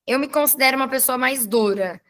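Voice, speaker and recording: Woman on a class call, frank about herself, somewhat high voice. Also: brisk, a bit bright. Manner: frank and self-critical. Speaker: class participant. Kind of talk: casual sharing on a call.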